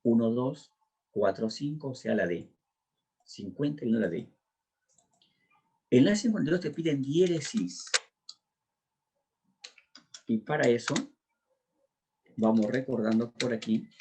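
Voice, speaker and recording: A man teaches a pre-university exam class, drilling through language questions one at a time and walking through each answer step by step. His medium-pitched voice is warm and lively in intonation, though a little slow with long pauses, and there's a slight hiss or hum in the recording.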